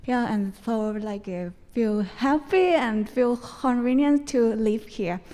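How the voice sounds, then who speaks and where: A woman's voice: fairly high pitch, slow, mellow. A woman from Thailand speaks on a symposium panel, using simple and hesitant phrasing. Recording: reverberant hall.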